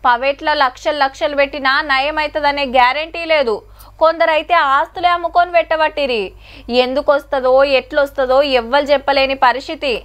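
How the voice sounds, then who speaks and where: A woman's voice: sits high, a little fast, a bit bright. A woman presenting satirical news commentary in a Telangana Telugu accent, wry and sarcastic.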